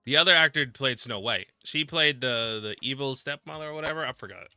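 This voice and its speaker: A man's voice: mid-range voice, a little fast, pushed and bright, dry recording, faint music behind. A young man streaming a game, rambling casually and reading the game's narration aloud. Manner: rambling, laid-back, reads narration aloud.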